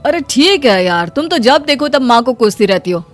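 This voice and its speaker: An offhand, dismissive young husband, as a woman voices him in a cartoon storybook. The voice stays fairly high, and light music runs faintly behind. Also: sing-song, moderate pace. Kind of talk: animated storybook voice acting.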